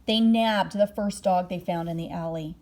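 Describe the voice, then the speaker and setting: A woman with a lowish voice reads a children's bedtime story aloud at a moderate pace. She reads expressively, drawing out words and slipping into hushed moments.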